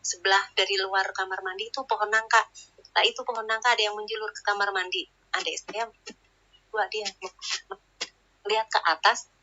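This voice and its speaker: Chatty woman storyteller with a sharp, husky voice, dull lo-fi sound, casual. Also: mid-range voice, steady tone, moderate pace, pauses often. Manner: chatty, tags sentences with filler tags. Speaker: guest storyteller. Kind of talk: casual spoken ghost story. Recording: lo-fi online audio room.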